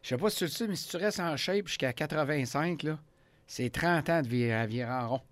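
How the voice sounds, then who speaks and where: In a radio studio, a talk show host in his fifties with a Québécois French accent chats casually in a slightly high, slightly fast voice. He's animated, emphatic and jokey, and the recording is dry.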